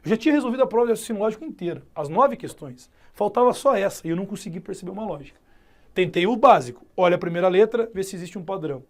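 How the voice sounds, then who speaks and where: A Brazilian man with a fairly high voice teaches logic in a recorded lesson. He tells his story in an animated way and reasons aloud one step at a time. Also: racing. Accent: Brazilian Portuguese. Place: Curitiba, Brazil.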